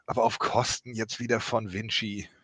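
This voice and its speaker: A man co-hosting a podcast, chatting casually with lively reactions. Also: lowish voice, moderate pace, dry recording. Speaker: podcast co-host. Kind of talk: casual chat.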